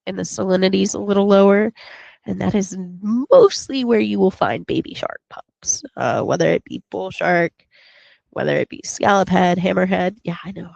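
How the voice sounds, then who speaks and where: A woman's voice: mid-range voice, gravelly, a little mellow, no room sound, muffled recording. A woman co-hosting a podcast, retelling a film casually with many fillers and restarts. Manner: rambling retelling full of fillers and restarts, acting out quotes. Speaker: podcast co-host.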